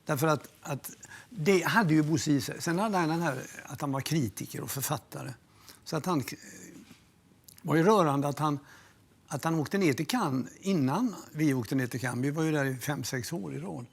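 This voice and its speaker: An older man recalls his film-making days in a documentary interview, telling anecdotes with relish and plenty of swearing. His voice sits a little high, with a gravelly, husky grain. He slips into the voices of the people he quotes. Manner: lively storyteller, swears freely, acts out others' lines.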